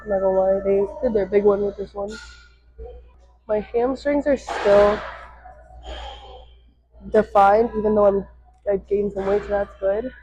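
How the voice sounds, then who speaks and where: A woman's voice: mid-range voice, fairly even intonation, unhurried, long pauses, mellow, faint music behind. A woman giving casual, chatty exercise instruction as a fitness vlogger, rambling and self-deprecating while exerting herself. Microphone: worn microphone. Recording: dull, slightly muffled audio.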